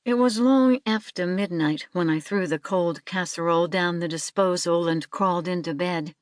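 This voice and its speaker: A woman narrating a novel in the first person, in a measured, steady way. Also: on the low side, no room sound, clean studio sound. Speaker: audiobook narrator.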